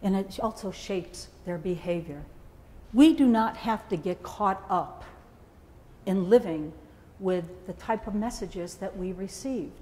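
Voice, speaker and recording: A woman's voice: medium pitch, measured pace. A woman giving a motivational talk to a live audience, telling stories with animation and calling on listeners by name. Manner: animated storyteller, calls on audience members by name. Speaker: motivational speaker. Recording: echoey hall.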